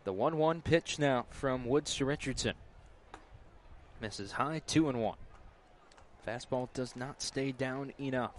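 Male baseball announcer over clear outdoor noise. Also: mid-range voice, takes it slowly, long pauses. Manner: clipped, terse phrasing. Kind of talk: live play-by-play sports commentary. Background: outdoor ballpark ambience.

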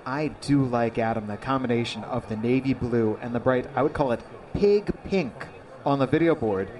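A man's voice: mid-range voice, normal speed, darkish tone. A man calling baseball play-by-play live in clipped phrases from a ballpark. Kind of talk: live sports commentary. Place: outdoor ballpark broadcast position. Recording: live ballpark crowd behind.

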